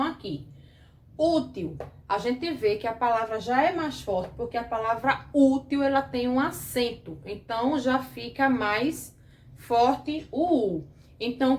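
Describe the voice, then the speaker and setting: Brazilian woman teacher, higher voice, slow and patient, echoey room. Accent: Brazilian Portuguese. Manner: patient, asks the class questions and checks with "certo?". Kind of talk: grammar lesson for children.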